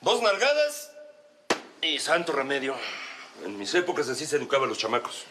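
An actor playing a stern, traditional father who talks gruffly and bluntly. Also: medium pitch, wildly swooping pitch, normal speed, noisy background.

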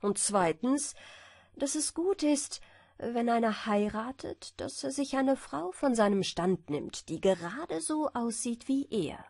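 A woman narrating fairy tales as a bedtime audiobook, in a slow, expressive storytelling way. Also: on the high side, no room sound, clean studio sound. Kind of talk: fairy-tale reading for sleep.

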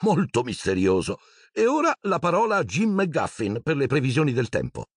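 A man's voice: medium pitch, wildly swooping pitch, moderate pace, breathy edge, dry recording, clean studio sound, pitched above the performer's own voice, full character voice. A man voicing a formal television newsreader in announcer style, in an audiobook reading.

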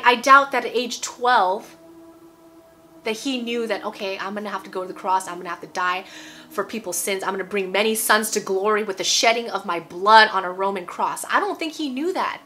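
A woman's voice: mid-range voice, normal speed, bright, forceful tone, slight background noise. A woman in her forties giving a casual, emphatic sermon to camera at home, repeating phrases and checking in with "okay?". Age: 40s. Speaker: preacher. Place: indoor room at home.

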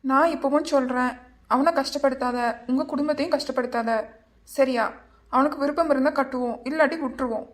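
A woman's voice: high-pitched, steady tone, a little fast, natural voice. A woman voicing a young husband in a cartoon who scolds firmly and then teases. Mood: stern. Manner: firm, scolding, then teasing. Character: young husband, stern and easily irritated. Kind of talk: cartoon voice acting.

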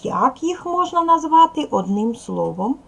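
A woman teacher talks slowly and patiently to young children in a recorded lesson. Her slightly high voice rises and falls a lot, with a gravelly edge. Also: sing-song. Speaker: primary school teacher. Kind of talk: recorded video lesson for second graders.

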